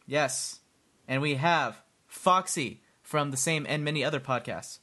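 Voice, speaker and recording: A man's voice: on the high side, measured pace, pushed and bright. A man hosting a casual podcast chat, telling rambling stories and poking fun at himself. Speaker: podcast host.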